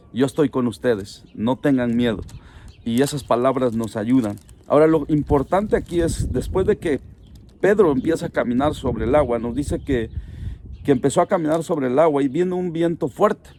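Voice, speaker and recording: A man's voice: on the high side, normal speed, warm tone, slight background noise. A middle-aged man, a pastor preaching a sermon in an earnest, pleading way, speaking straight to the listener.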